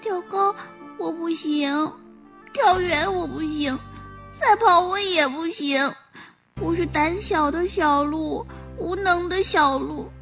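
A woman's voice: very high voice, lively intonation, measured pace, soft background music, pitched above the performer's own voice. A woman voicing a timid young fawn that stammers and is close to tears. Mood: tearful, timid. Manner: hesitant, stammering, on the verge of tears.

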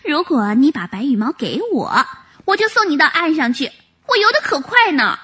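A woman voicing a cheeky, teasing little duckling who coaxes and teases quickly. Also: sits high, big pitch swings, bright, forceful tone, full character voice. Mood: coaxing.

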